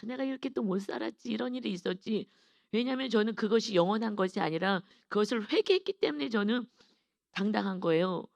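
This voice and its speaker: A woman's voice: mid-range voice, creaky, darkish tone, no room sound. A middle-aged woman pastor giving an earnest, confessional dawn sermon with emphatic stresses.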